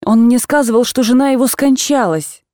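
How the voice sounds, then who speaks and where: A woman voicing a quiet, gentle young woman in an audiobook, speaking softly and with restraint. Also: a little high, normal speed, no echo, clean studio sound, voice pushed up, natural voice. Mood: subdued. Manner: soft, subdued.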